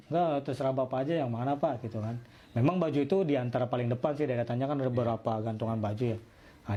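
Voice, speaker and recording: Fast-talking man with a lilt. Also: medium pitch, dull audio, slight background noise. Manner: lively, acts out quoted voices in dialogue. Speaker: guest telling his conversion story. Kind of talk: casual storytelling.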